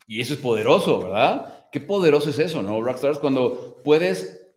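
A man with a middle-pitched voice hosts a motivational self-help talk, speaking reflectively to his listeners. He acts out critics and inner questions in quoted voices. The recording is roomy and echoey. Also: lively intonation, moderate pace, darkish tone. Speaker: self-help podcast host. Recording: roomy echo.

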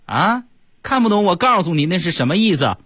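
A comedian telling funny stories in an animated comic monologue, stammering now and then. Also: male voice, high-pitched, brisk, very noisy.

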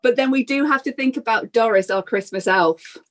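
Female co-host, high pitch, wry and animated, casual. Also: brisk. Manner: wry, animated retelling with quoted asides. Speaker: podcast co-host. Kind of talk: casual chat.

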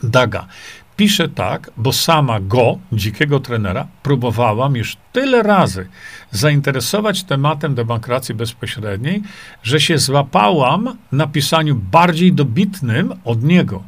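A man's voice: mid-range voice, sing-song, a little slow, breathy edge. A middle-aged man hosting a livestream, reading viewer comments aloud and answering them in a rambling, dismissive way, with many fillers and repeated rhetorical questions. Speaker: livestream host.

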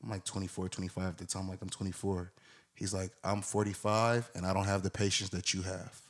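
A man in his twenties, a podcast co-host, telling a long story in a casual, animated way and acting out the people in it. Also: low voice, a little fast.

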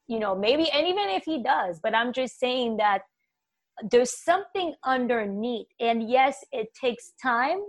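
A woman from Haiti speaking as a community organizer in an interview, earnest and searching, pausing often and restarting her thoughts. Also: on the high side. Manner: earnest, searching, full of "you know" and "like" restarts. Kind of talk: reflective conversational interview.

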